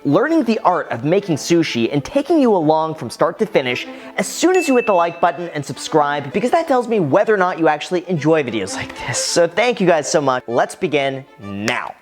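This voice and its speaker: A man's voice: on the high side, very animated, a little fast, hardly any pauses, faint music behind. A man hosting a vlog, chatty and a bit squeamish while trying a new job. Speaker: vlog host. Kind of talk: casual vlog chat.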